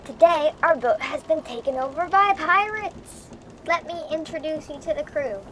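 A woman narrates a vlog as a cheery young dog living on a sailboat, playful, punny and full of pirate lingo, in a scripted piece with music beneath. She's high-pitched and lively at normal speed, fairly bright, on a low-quality recording with a little hiss or hum.

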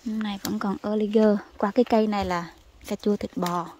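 A woman from Vietnam, chatting excitedly to her viewers as she picks vegetables in her home garden outdoors. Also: mid-range voice, a little fast, slight background noise. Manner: chatty and exclamatory, calls viewers family. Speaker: gardening vlogger. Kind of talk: casual chat to viewers while harvesting.

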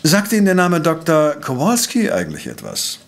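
An actor playing a coolly precise professor-detective in a radio play, questioning in a formal, probing way. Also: male voice, on the high side, huge pitch swings, moderate pace, gravelly, exaggerated voice. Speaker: voice actor in audio drama.

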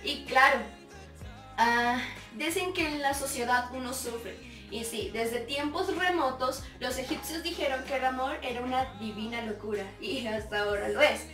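A woman's voice: high voice, moderate pace, a bit bright. A young woman performing a theatrical monologue dramatically, with sobbing and sing-song wailing. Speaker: stage performer. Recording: roomy sound from a distant mic, faint music.

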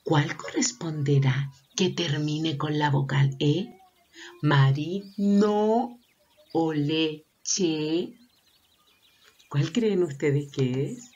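A woman teacher gently leading a slow vowel lesson for preschool children, asking them questions and praising them. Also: deep voice, husky, dull audio. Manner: affectionate, encouraging, asks children questions. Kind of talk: slow, sing-song lesson for young children.

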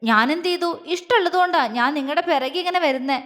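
A woman voicing a bold, pushy young woman in a storybook reading, talking loudly and defiantly. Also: sits high, brisk. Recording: long echoey reverb.

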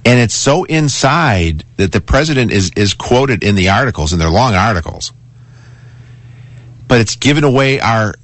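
A man's voice: medium pitch, expressive, normal speed, fairly bright tone, no room sound. A man hosting a talk radio show in a casual, conversational way, repeating and restarting phrases for emphasis. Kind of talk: casual talk radio monologue and caller chat. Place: radio studio. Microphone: close studio broadcast microphone.

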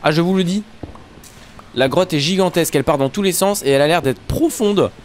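A man's voice: a little high, brisk, slight background noise. A man giving casual, jokey commentary over Minecraft play, talking straight to his viewers. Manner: yelps when startled. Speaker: Minecraft YouTuber.

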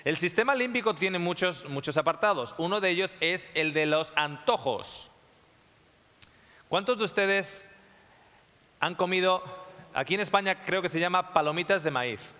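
Man, lecture to an audience, bright tone, repeats himself, reverberant hall. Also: high voice, moderate pace, long pauses. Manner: checks in often with the audience, repeats phrases. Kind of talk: classroom talk to a live audience.

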